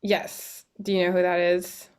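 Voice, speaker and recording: A woman's voice: fairly low pitch, monotone, measured pace, darkish tone, clear, resonant tone. A woman teaching a string student in a studio class, chatty and encouraging, singing out passages and using lots of fillers. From Canada. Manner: encouraging, chatty, many fillers and sung examples. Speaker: music teacher.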